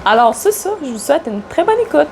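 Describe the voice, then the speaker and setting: Very animated and fast, this high-pitched woman with vocal fry and a darkish tone speaks in a Quebec French accent, with a little hiss or hum in the recording. Vlogging casually as a spiritual coach with a slight cold, she's chatty and hesitant, full of fillers and restarts.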